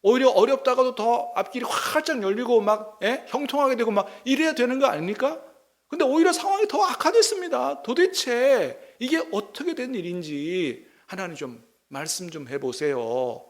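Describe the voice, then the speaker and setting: A preacher puts on an exasperated prophet who argues with God, his voice pitched high and pushed loud as he protests. Each question rises higher and more indignant, in a dramatized sermon retelling. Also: huge pitch swings, moderate pace, creaky, few pauses, full character voice. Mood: exasperated pleading. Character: indignant, pleading biblical prophet arguing with God.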